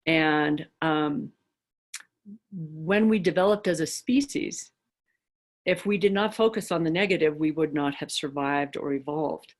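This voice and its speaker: A woman's voice: deep voice, measured pace. A woman dharma teacher giving a reflective talk, telling stories with casual fillers.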